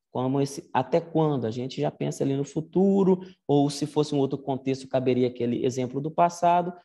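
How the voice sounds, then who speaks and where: A man's voice: fairly high pitch, dark tone. A man giving a casual online Latin lesson, explaining step by step and often checking in with "né?". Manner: conversational, explains step by step with frequent "né?". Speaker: Latin teacher.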